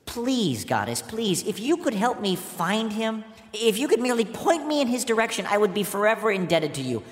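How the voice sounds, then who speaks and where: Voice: mid-range voice, big pitch swings, moderate pace, voice pushed up, natural voice. A narrator doing a timid young mortal woman who stammers and begs, her voice rising and falling a lot. The sound has a roomy echo to it. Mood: pleading. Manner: stammering, pleading. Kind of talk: storytelling podcast voice acting.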